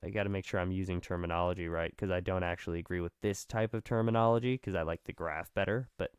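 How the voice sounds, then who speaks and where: Man with vocal fry, low clear voice. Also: steady tone, fast talker, dry recording, studio quality. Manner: rambling, self-correcting, self-deprecating. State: just recovered from being sick. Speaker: explainer. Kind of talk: casual, informal explanation at a drawn diagram.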